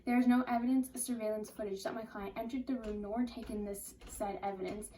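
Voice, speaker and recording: A woman's voice: medium pitch, fairly even intonation, a little fast, mellow, close to an everyday voice. A woman playing an earnest defense lawyer in an amateur courtroom role-play. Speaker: defense lawyer in a mock trial. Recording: distant mic with faint noise.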